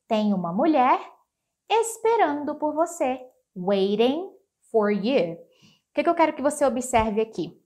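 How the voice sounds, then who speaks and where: A woman teaching English in a casual video lesson, animated and chatty, who slows right down for her English example sentences and speeds up for her explanations. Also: on the high side. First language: Portuguese.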